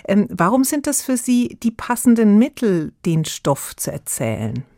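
Woman radio host, measured questions. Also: mid-range voice, sing-song, darkish tone, no echo, clean studio sound. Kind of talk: radio interview.

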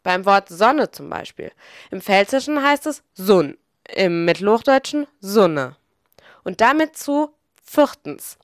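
A woman's voice: medium pitch, expressive, unhurried, no room sound, studio quality. Woman narrating with a Palatinate accent. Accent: Palatinate German. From Palatinate, Germany. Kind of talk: scripted narration.

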